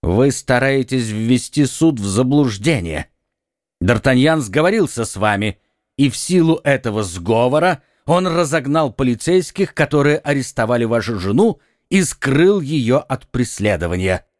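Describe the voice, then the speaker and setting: A man's voice: mid-range voice, expressive, normal speed, dry recording, clean studio sound, close to an everyday voice. A man voicing a stern, blustering police commissioner questioning a prisoner in an audiobook. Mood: accusing. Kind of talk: audiobook reading.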